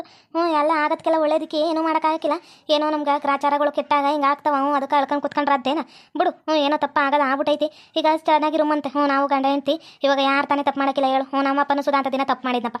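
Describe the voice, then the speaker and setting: A woman voicing a forgiving cartoon wife, high-pitched. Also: little pitch movement, quick pace, lightly acted. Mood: soothing. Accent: North Karnataka Kannada. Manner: soothing, scolding gently. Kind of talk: hobby cartoon voice acting.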